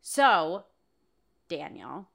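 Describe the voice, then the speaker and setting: Animated woman teasing on a podcast. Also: lowish voice, drawn-out words, creaky. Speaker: podcast co-host. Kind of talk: casual banter with her husband.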